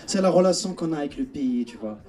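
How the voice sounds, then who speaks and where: Young man, stand-up comedy, chatty storytelling, slightly high voice, distant stage mic, faint noise. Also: expressive, quick pace, warm tone, some chatter behind. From Algeria. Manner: chatty storytelling, addresses audience directly. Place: theatre stage.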